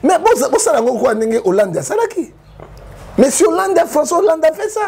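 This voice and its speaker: A Congolese man with a Congolese French accent, talking politics with emphatic rhetorical questions. His voice sits very high and gravelly and swings in lively arcs. A faint hiss runs under the recording. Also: a little fast. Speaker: commentator. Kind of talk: animated political commentary.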